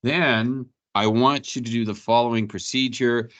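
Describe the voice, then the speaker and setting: A man's voice: medium pitch, steady tone, moderate pace, a bit bright, lo-fi sound. A male math teacher lecturing a class, questioning students and walking them through each step.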